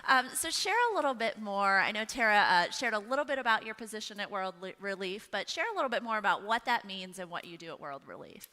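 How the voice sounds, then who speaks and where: A woman's voice: medium pitch, animated, fast, few pauses, pushed and bright. A woman hosting a stage interview at a church event, effusive and encouraging with her guest. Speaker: host. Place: church hall. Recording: long hall reverb.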